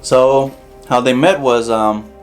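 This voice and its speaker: A man's voice: medium pitch, fairly even intonation, takes it slowly, faint music behind. A man hosting a mukbang, chatting casually and informally to his viewers while eating crunchy fried chicken. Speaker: mukbang show host.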